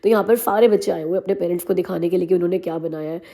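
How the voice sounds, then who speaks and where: Her voice is fairly low and dark, rapid-fire with vocal fry: a woman in her thirties, Hindi-accented, talking casually to her vlog viewers. She blends Hindi and English in a chatty, self-deprecating way.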